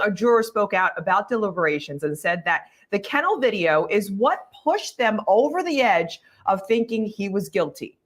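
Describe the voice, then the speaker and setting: A woman hosting a broadcast legal news discussion, putting questions to panelists. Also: on the high side. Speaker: news host.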